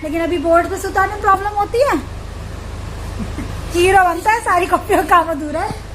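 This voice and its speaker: A woman's voice: extremely high pitch, brisk, noisy background. A woman in her thirties chatting casually at home in a family vlog, often asking viewers to agree with her. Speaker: family vlogger.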